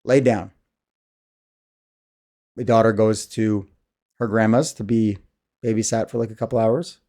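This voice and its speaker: A man's voice: on the low side, fairly even intonation, unhurried, warm tone. A man in his thirties talking candidly to camera in a casual, rambling monologue, sighing often. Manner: candid, rambling, self-deprecating, sighs often. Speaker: vlogger.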